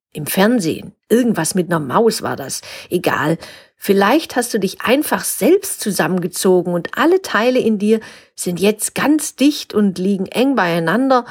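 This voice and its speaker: A woman voicing a kind, clever young girl who explains things gently in a storybook tale. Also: mid-range voice, husky.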